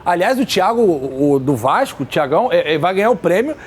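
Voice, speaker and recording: A man with a Rio de Janeiro accent hosting a football show, lively and jokey. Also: high-pitched, fairly quick, slightly rough. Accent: Brazilian Portuguese, Rio de Janeiro. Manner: lively, jokey, hands over to reporters. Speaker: show host. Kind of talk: hosting studio debate.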